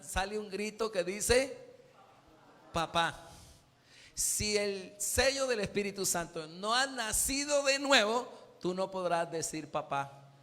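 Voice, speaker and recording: A man preaching a sermon as pastor, questioning his congregation in an animated way. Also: a little high, big-room sound. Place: church.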